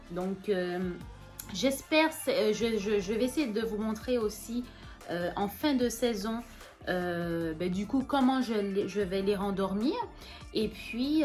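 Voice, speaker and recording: A chatty young woman with a lilt talks through her houseplants in a relaxed vlog. She rambles, restarts her sentences and leans on fillers, at a middle pitch, with faint music in the background. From Martinique. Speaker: plant vlogger. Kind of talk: casual show-and-tell vlog.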